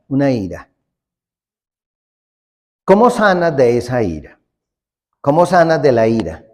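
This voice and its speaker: A Colombian priest preaches at an unhurried pace, joking and folksy, slipping into little acted-out exchanges. His voice rings with a long reverb, as if in a large church hall. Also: mid-range voice, mellow. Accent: Colombian Spanish. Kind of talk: humorous sermon.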